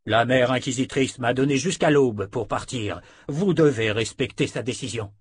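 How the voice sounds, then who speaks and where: A man voicing an indignant young prince who protests loudly. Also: medium pitch, moderate pace, slightly rough, dry recording, clean studio sound, natural voice.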